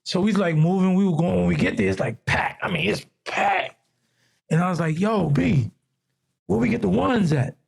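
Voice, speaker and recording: Gravelly New man in his fifties. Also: normal speed. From raised in New York. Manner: relaxed storyteller who acts out quotes in a higher voice. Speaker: podcast guest. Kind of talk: casual podcast chat.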